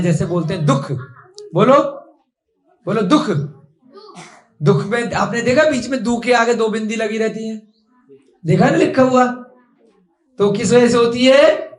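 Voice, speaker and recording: A man's voice: high-pitched, roomy sound. A young man teaching a classroom lesson, patiently asking the class questions.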